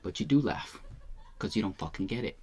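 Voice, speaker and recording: Deep-voiced sarcastic man. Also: expressive, fairly quick, warm tone, a little hiss or hum. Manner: mock-reverent, sarcastic, scornful. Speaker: reaction video host. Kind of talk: sarcastic reaction commentary.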